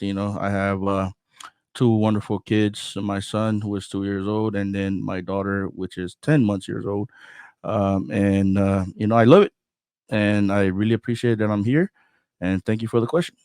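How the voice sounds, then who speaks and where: A man's voice: on the low side, steady tone, normal speed, darkish tone, clean tone, no room sound. Samoan guy in his 30s chatting on a podcast, lots of uhs and restarts, dry close sound. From American Samoa. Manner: hesitant, many fillers and restarts. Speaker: podcast host, interview guest. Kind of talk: casual interview talk.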